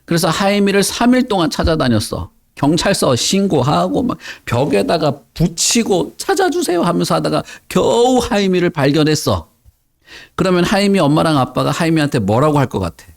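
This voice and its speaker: A man who is a pastor gives a children's sermon and tells the story in a lively way, putting questions to the children. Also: on the high side, a little fast, gravelly.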